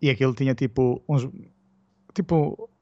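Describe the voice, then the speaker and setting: A man's voice: medium pitch, normal speed, warm tone, no echo, muffled recording. A man with a European Portuguese accent chatting casually and using plenty of slang. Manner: colloquial, slangy. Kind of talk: casual chat about retro gaming.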